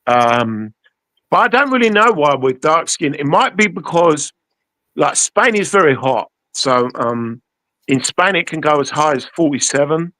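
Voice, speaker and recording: A man's voice: on the high side, animated, unhurried, pushed and bright, dry recording, low-quality recording. A man, a guest on a live-streamed interview over a video call. He rambles and stammers, often repeating his opening words. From England.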